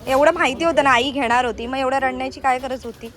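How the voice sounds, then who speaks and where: A woman's voice: high voice, steady tone, quick pace, fairly bright tone. A young woman vlogging with a phone while shopping, coaxing and scolding her small child as she goes. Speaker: vlogger and mother. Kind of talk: casual vlog while shopping. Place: busy market outdoors and in a shop. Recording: noisy market background.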